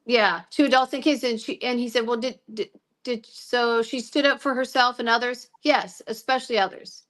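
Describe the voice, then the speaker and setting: A woman co-hosts a casual chat, recapping trial notes and reading them haltingly with frequent stops and restarts. Her voice is a little high and a bit bright, with fairly even intonation.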